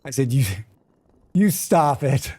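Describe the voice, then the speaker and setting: Speaking slowly with a warm, medium-pitched voice, a General American-accented man chats casually on a live game stream. He rambles and talks back to his chat, and the recording is dry.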